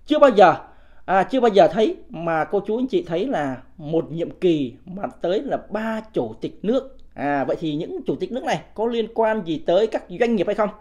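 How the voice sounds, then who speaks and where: A man's voice: sits high, lively intonation, moderate pace, darkish tone, muffled recording. A man, hosting a livestream of political commentary. He talks off the cuff, keeps asking the audience rhetorical questions, and scolds commenters bluntly. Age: 50s. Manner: combative, scolds viewers in blunt coarse language.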